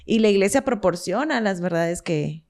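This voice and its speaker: A woman's voice: mid-range voice, lively intonation, normal speed. A woman co-hosting a casual religious discussion, agreeing often and using many fillers. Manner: warm agreeing, frequent fillers. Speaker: podcast co-host.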